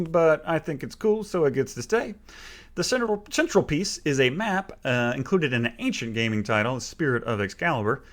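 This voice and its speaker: Man narrating a casual room tour. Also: on the high side. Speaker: tour guide of own gaming room.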